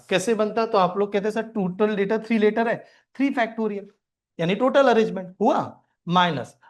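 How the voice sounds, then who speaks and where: A man teaching math in a classroom lecture, asking questions and answering them himself. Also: high-pitched.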